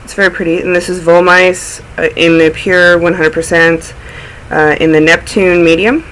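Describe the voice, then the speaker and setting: A man with a cold, sounding snuffly, hosts a casual knitting video podcast, chatting through his projects in a rambling show-and-tell full of tangents. His high, slightly bright voice has a level tone and moderate pace, in a low-quality recording with slight background noise.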